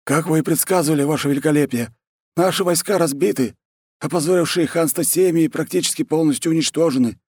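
A man's voice: fairly high pitch, fast, a little mellow, breathy edge, no echo, clean studio sound, pitched above the performer's own voice. Man doing a shrieking, grovelling army commander. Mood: frantic. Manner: frantic, wailing, servile. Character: terrified grovelling male military commander.

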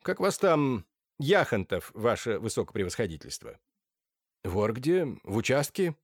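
A man's voice: medium pitch, sing-song, a little slow, no echo, clean studio sound. A man voicing a blustering, half-blind old general who speaks in indignant, commanding outbursts.

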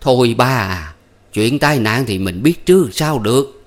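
A man's voice: mid-range voice, animated, a little slow, pitched above the performer's own voice, close to an everyday voice. A man voicing an older village matron who consoles in a resigned tone.

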